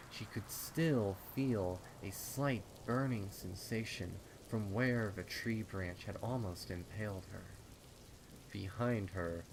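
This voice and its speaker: This male fan fiction narrator gives a dramatic reading of a scripted horror story in a low voice. The background is noisy, filled with rain and storm sound effects.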